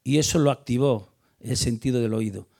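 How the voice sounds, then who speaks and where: A man preaching a sermon, emphatic, stressing key words loudly before dropping quiet, often repeating words as he restarts. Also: medium pitch, normal speed, vocal fry. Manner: emphatic, builds to loud stressed peaks then drops quiet. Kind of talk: sermon on a Bible passage.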